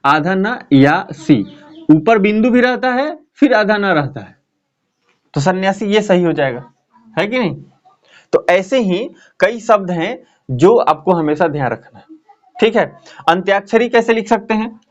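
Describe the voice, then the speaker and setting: High-voiced man teaching grammar. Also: lively intonation, unhurried, highs cut off. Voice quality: talks in a chatty explaining way with frequent check-ins. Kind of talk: classroom lesson at a board.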